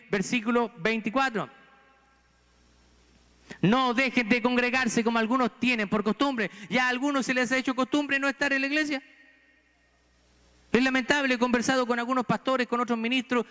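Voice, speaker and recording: With a Chilean Spanish accent, a pastor from Chile preaches earnestly in a church sanctuary, pressing the congregation through rhetorical questions. He has a very high-pitched, bright voice with a forceful yet clean tone, and a long reverb tail lingers after him.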